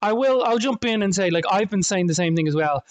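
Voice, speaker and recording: A man's voice: high voice, animated, fairly quick, dry recording. A man co-hosting a casual gaming podcast, swearing, laughing and rambling through banter. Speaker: co-host.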